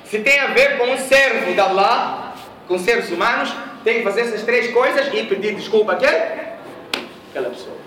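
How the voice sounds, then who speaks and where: A man's voice: high-pitched, lively intonation, moderate pace, pushed and bright, slight background noise. A man from Mozambique preaching a sermon in a mosque hall, telling a story and questioning his audience. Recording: echoey room, voice from a distance.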